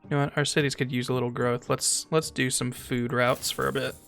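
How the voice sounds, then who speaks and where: A man streaming a strategy game, chatting casually, thinking aloud, talking to his chat, and sometimes reading game text aloud slowly. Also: medium pitch, little pitch movement, gravelly, a bit bright, soft background music. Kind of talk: casual gameplay commentary.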